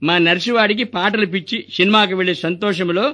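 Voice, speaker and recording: An actor playing a scheming, greedy hospital doctor in a stage comedy, firing off rustic wisecracks. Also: male voice, sits high, fairly even intonation, pushed and bright. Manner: rapid wisecracking, rustic dialect.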